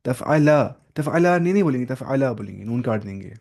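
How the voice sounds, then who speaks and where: A man's voice: mid-range voice, lively intonation, a little fast, creaky, darkish tone. A male teacher giving an online grammar lesson, patiently drilling and repeating verb forms aloud. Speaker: Arabic teacher.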